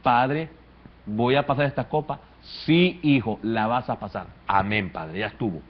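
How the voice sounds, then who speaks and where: Pastor preaching in lo-fi sound. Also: male voice, mid-range voice, unhurried. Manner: animated preaching, swinging from quiet to loud. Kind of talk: sermon. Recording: muffled lo-fi church recording.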